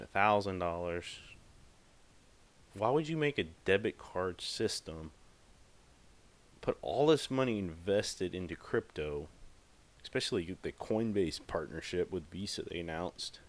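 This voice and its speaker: Deep-voiced man rambling on a podcast. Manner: rambling and emphatic, with many fillers. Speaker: podcast host. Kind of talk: casual monologue.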